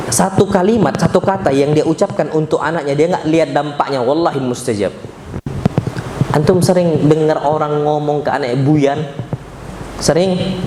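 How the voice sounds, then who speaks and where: Indonesian preacher in an echoey mosque hall. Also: male voice, high voice, background noise. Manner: animated, rhetorical questions, sprinkles Arabic phrases. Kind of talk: mosque study sermon. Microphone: handheld or stand mic in a hall.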